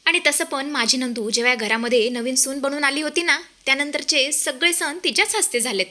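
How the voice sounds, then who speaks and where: A woman's voice: high voice, a little fast, pushed and bright. A woman voicing an elderly grandmother heading the family, stern and commanding. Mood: calm.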